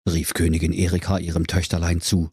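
A man narrating a comic bedtime story in a playful, animated way. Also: low voice, fairly quick, husky, dry recording, clean studio sound.

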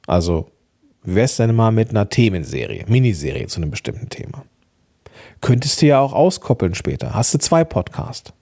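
A man hosting a podcast, giving chatty, encouraging advice straight to the listener and often checking in with a quick "ja?". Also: lowish voice, big pitch swings, mellow. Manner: chatty, encouraging, addresses listener directly with frequent "ja?". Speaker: podcast host and coach. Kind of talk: casual podcast advice monologue.

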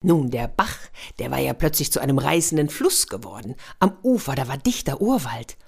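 A middle-aged woman telling a children's story in a lively way, dropping into hushed whispers now and then. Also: a bass voice, normal speed, gravelly, slightly rough.

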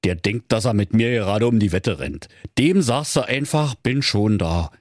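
A man's voice: fairly low pitch, animated, normal speed, darkish tone, dry recording, clean studio sound, pitched above the performer's own voice. A man voicing a scheming male Mettigel in a comic radio fairy tale, with a Berlin accent and a smug, slangy way of talking. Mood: sly.

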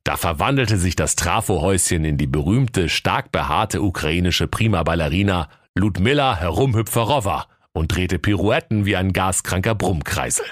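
A man narrating a comic fairy tale in a deadpan storytelling manner. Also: deep voice, normal speed, hardly any pauses, dry recording, clean studio sound.

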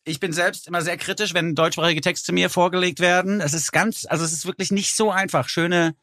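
Male interviewer, slightly high register, conversational delivery, recorded close and dry. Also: steady tone, fairly quick, bright, forceful tone, no echo. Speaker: podcast host. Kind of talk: casual interview chat.

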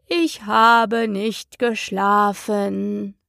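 A woman reading the part of a sleepy, grumpy dormouse in a storybook, with a hoarse, weak voice and a slow, drowsy, touchy manner. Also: mid-range voice, little pitch movement, a bit bright, no echo, clean studio sound, full character voice. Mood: drowsy grumbling.

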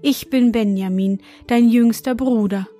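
A kind, cautious young brother from a fairy tale, read by a woman, calm and reassuring. The delivery is slow and unhurried, over faint music. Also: fairly high pitch.

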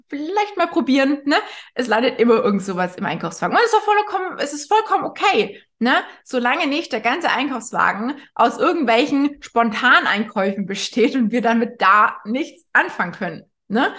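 A woman's voice: a little high, fairly bright tone. Chatty German-speaking woman coach. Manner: chatty, frequent tag questions and restarts. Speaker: nutrition coach. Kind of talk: casual spoken advice.

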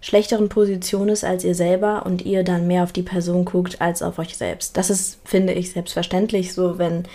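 A woman's voice: on the low side, little pitch movement, normal speed, mellow. A young woman hosting a solo talk, speaking earnestly and reflectively, often restarting and repeating words. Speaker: podcast host.

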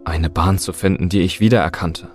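A man's voice: sits low, steady tone, fairly quick, darkish tone, soft background music. A man narrating a scripted first-person horror story in a tense, dramatic way.

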